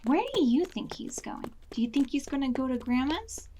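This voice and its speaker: With a high, lively voice at a normal speed, this woman performs a picture book for preschoolers as a library storytime reader. She leans on dramatic emphasis and poses questions to the children, all against a noisy background.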